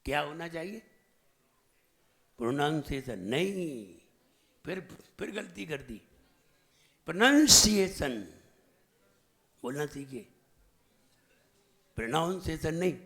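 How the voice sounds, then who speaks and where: Emphatic high-voiced male Hindi preacher. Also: expressive, moderate pace, gravelly. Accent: Hindi, central Indian. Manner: emphatic, repeats and drills the audience with questions. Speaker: Jain monk teaching recitation. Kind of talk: sermon teaching pronunciation. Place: lecture hall at a training camp.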